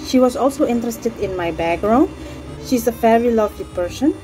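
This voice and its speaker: A woman's voice: a little high, expressive, normal speed, over music, rough recording. A young woman, not a native Indonesian speaker, giving a personal testimonial as a foreigner speaking Indonesian and mixing in English. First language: not Indonesian; Dutch and Javanese speaker. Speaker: former language student.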